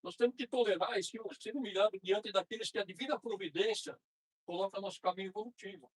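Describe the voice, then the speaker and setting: A middle-aged Brazilian man lecturing at a spiritist center in a conversational way, slowing down to read prayers aloud. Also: high voice, slightly rough, low-quality recording. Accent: Brazilian Portuguese. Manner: conversational, frequent tag questions, slows to read prayers. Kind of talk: informal spiritist talk.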